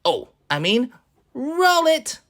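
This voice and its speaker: A man putting on the voice of Ricky, a cheerful, goofy kids' show character, talking slowly in a giggly sing-song. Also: extremely high pitch, huge pitch swings, a bit bright, pitched above the performer's own voice, exaggerated voice. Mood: giddy.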